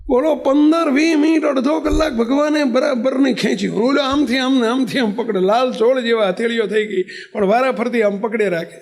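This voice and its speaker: High-voiced, gravelly male preacher. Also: moderate pace, few pauses. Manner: animated storyteller, often checks in with listeners. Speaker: religious preacher. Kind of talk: storytelling sermon.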